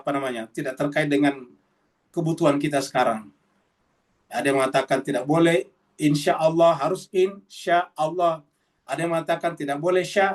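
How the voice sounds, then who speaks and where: A middle-aged man preaching a Quran study sermon to a congregation, emphatic and lively, repeating his points. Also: on the high side, far from the mic. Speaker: Islamic preacher.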